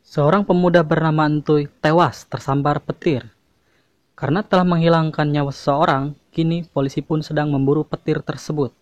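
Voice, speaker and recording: A man playing a deadpan news reporter, reading a scripted comedy parody of TV news. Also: on the high side, moderate pace, no room sound, lightly acted. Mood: deadpan, formal. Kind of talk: scripted mock news voice-over. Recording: dry, slightly muffled voice-over.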